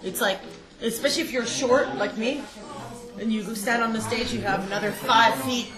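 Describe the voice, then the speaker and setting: A woman's voice: a little high, normal speed, music in the background. Joking, swearing woman in an echoey room. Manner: joking, laughing, swearing freely. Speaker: rock musician. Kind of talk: casual interview.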